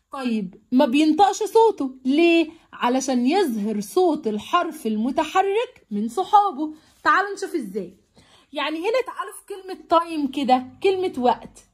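A young Egyptian woman leads a children's English lesson in her own Arabic-accented speech. Her voice sits high. She coaxes the pupils gently and keeps asking whether they follow. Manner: coaxing, checks in with pupils often. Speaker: English teacher.

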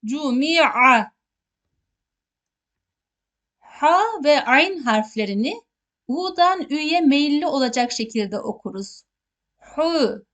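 A woman's voice: high-pitched, expressive. A middle-aged woman teaching Quran letter pronunciation, saying each word twice and explaining how to shape the sounds. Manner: says each word twice slowly, addresses learners as friends. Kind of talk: slow pronunciation drill with explanations.

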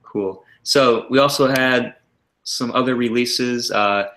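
A man co-hosting a livestream in casual chat, relaxed and talkative, laughing often and using lots of filler words. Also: medium pitch, takes it slowly. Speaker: livestream co-host. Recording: roomy echo.

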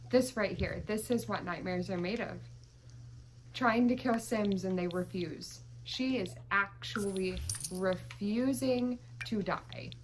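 A woman's voice: medium pitch, a little hiss or hum, rough recording. A woman giving chatty, exasperated commentary while playing a life-simulation game. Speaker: gaming YouTuber. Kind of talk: gameplay commentary.

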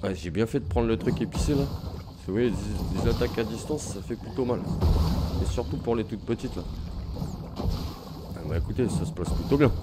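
A man's voice: lowish voice, normal speed, pauses often, heavy background noise. A man giving casual let's-play commentary, chatting to viewers and taunting enemies as he plays. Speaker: gaming youtuber.

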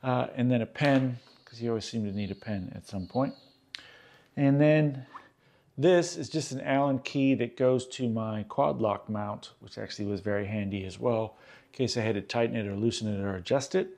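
A man in his fifties from Australia, hosting a casual gear vlog and chatting in a relaxed way with lots of "uh"s, recorded at a table in a small room. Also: mid-range voice, moderate pace. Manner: relaxed, chatty, many "uh" fillers. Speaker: host. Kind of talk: casual show-and-tell vlog.

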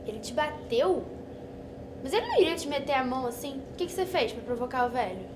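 A woman's voice: high voice, sing-song, fast. An actress playing a teen girl coaxing her friend to open up, in casual slang. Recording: echoey room with clear noise.

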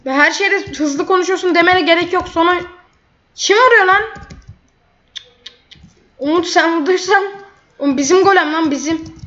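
A woman's voice: extremely high pitch, fairly quick, a bit bright. A woman gamer giving chatty running commentary over her gameplay, blurting out frustration at opponents. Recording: dull lo-fi mic.

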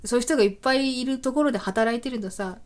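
A woman's voice: a little high, rapid-fire. A woman hosting a web radio show, chatting casually on her own and acting out small everyday scenes with self-mocking laughs. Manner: laughs often between lines. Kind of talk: casual solo talk.

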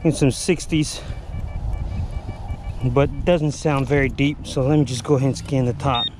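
A man's voice: mid-range voice, fairly even intonation, measured pace, background noise. A man narrating his metal detecting hunt outdoors, breathing hard and rambling with filler words. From Texas. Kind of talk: casual narration while digging. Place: outdoors in a humid field.

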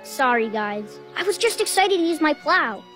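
A woman's voice: high voice, moderate pace. A bouncy boy train engine. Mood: sorry. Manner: excitable, bouncy, shouts catchphrases. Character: eager young boy steam engine, easily distracted. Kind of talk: cartoon voice acting. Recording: studio cartoon audio with loud music. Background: cartoon music.

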